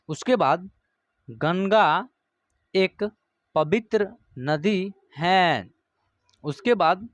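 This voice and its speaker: A man teaching Hindi reading online. He sounds out words syllable by syllable and then explains the rule in quick bursts. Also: sits high, no echo. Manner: addresses viewers as friends.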